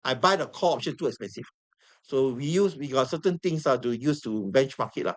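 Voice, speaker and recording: A man with a Singaporean English accent runs a live trading class, hoarse from a failing voice, repeating himself and throwing out questions to the group. His pitch sits in the middle, his intonation is lively, and he goes a little fast.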